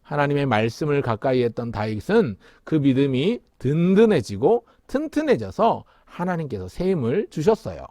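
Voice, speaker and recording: A man's voice: a little high, big pitch swings, normal speed, few pauses, dark tone, no room sound, clean studio sound. A male pastor giving a children's sermon in a sing-song way, leading the kids in call-and-response.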